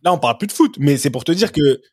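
A man's voice: a little high, expressive, fast talker, darkish tone, husky, no echo. Guy telling football stories on a podcast, keeps saying tu vois, dry close sound. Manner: anecdotal, keeps adding "tu vois". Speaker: guest, former professional footballer. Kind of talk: casual podcast chat, storytelling.

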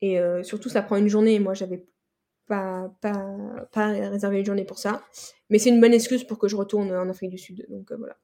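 A woman's voice: medium pitch, level tone, normal speed, mellow. A young woman from France, a podcast guest, recounting a trip in a loose, rambling way with many fillers and restarts. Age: young adult. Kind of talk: casual interview chat.

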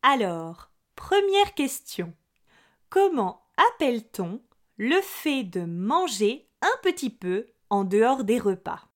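Woman podcast host, fairly high voice, clear teaching delivery, friendly and direct with listeners. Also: very animated, slow pace. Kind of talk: clear, slow-paced podcast lesson for learners.

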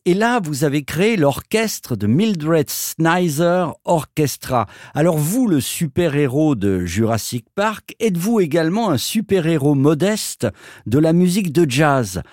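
A man hosting a radio interview, speaking in a formal, animated way. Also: a little high, measured pace, no room sound, clean studio sound. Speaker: radio host.

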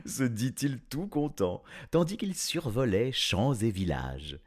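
Animated man reading a children's story. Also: medium pitch, slow pace. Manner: animated, playful, chuckling asides.

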